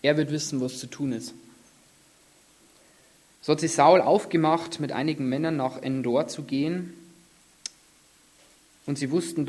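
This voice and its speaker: A man's voice: a little high, darkish tone. A man preaching an earnest sermon, reading a Bible passage aloud with emphasis and then explaining it. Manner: earnest, devout, reads scripture aloud with emphasis.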